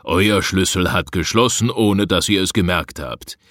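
A man's voice: low voice, unhurried, a bit bright, no room sound, clean studio sound. A man voicing Landola, a bold and mocking grave robber in an audiobook, giving curt orders. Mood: scornful.

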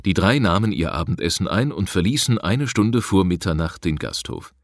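A man with a very low, deep voice reads an adventure story at an even, measured pace. He is close to the mic, and the recording is dry with no room echo. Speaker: audiobook narrator. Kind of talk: scripted narration.

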